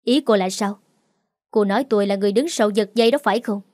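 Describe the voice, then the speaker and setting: A woman voicing a proud first wife of a wealthy house, speaking quickly and sarcastically in a storybook reading. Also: on the high side, lively intonation, a little mellow, dry recording, studio quality. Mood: cutting.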